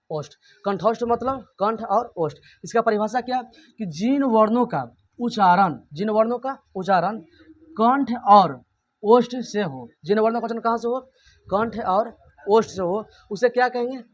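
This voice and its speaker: A man teaching a grammar lesson. He keeps asking and answering his own questions and repeats every point. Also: high-pitched.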